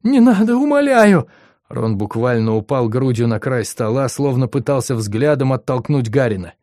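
A man reading an audiobook in a steady, even storytelling voice. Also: mid-range voice, moderate pace, no room sound, studio quality. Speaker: audiobook reader. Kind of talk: audiobook narration.

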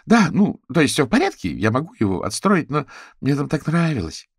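A man's voice: mid-range voice, sing-song, a little fast, no echo, studio quality, voice pushed up. A man voicing a flamboyant, chatty rich socialite woman in an audiobook, in a gushing, theatrical way. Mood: upset.

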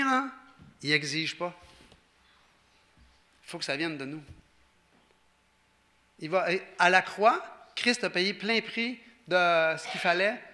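Quebec french pastor guy, high bright voice, chatty lively sermon. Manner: animated, conversational, acts out quoted speakers.

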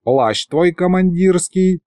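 A man's voice: high-pitched, slow pace, dark tone, dry recording, clean studio sound, voice pushed up. A man voicing a fussing, homely old grandfather. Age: older.

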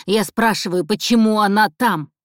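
A woman's voice: mid-range voice, normal speed, no room sound, clean studio sound, natural voice. Woman reading as a nervous cornered killer. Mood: tense. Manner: tense, shouting when cornered. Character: nervous cornered male killer, young adult man.

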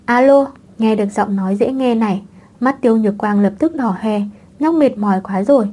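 A woman reads a web novel aloud in a calm, steady storytelling manner. Her voice is mellow and dark, with a scripted audiobook delivery. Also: mid-range voice, brisk. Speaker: audiobook narrator.

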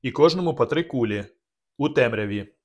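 A man's voice: medium pitch, expressive, brisk, close to an everyday voice. A man reading the part of a spiteful, drunken nobleman who speaks in a hissing, venomous way, in an audiobook. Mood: cold.

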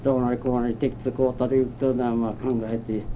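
An elderly man from Japan telling his life story as an oral history interviewee, in a rambling, halting way with old-fashioned rustic speech. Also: medium pitch, little pitch movement, mellow. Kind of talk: reminiscing in a personal narrative. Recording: muffled, dull old tape with faint hiss. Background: faint background noise.

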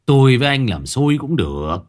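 A man's voice: mid-range voice, sing-song, fairly quick, darkish tone, voice pushed up, natural voice. A man doing a hearty, chatty old villager. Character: jovial older village father, talkative and boisterous.

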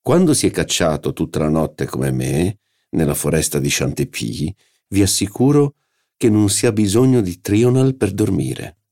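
A man's voice: deep voice, expressive, normal speed, mellow, voice pushed up. A man voicing a genial hunting marquis. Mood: boastful. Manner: deferential, laughing, slightly brash. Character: genial aristocratic marquis, hunter, polite. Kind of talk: audiobook character voice.

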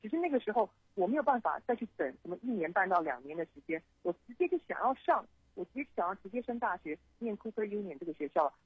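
A woman, telling her story as a radio guest, lively and full of fillers and restarts. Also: medium pitch, quick pace, few pauses, breathy edge, dry recording. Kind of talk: animated storytelling interview. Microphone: phone call. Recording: tinny phone line.

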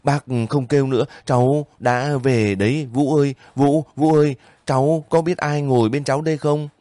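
A man's voice: medium pitch, fairly even intonation, moderate pace, dark tone, no echo, voice pushed up, lightly acted. A man voicing a kindly older village woman who pleads and sobs over her nephew in a spoken story. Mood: pleading. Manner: pleading, sobbing, fussing.

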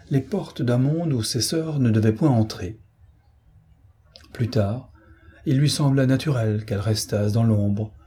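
Husky man narrating a novel. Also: lowish voice. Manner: measured, even literary reading. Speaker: audiobook reader.

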